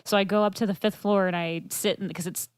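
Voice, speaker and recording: A woman's voice: medium pitch, fairly even intonation, fast talker, clean tone, dry recording. A woman co-hosting a podcast, telling a rambling workplace story in casual chat with lots of fillers.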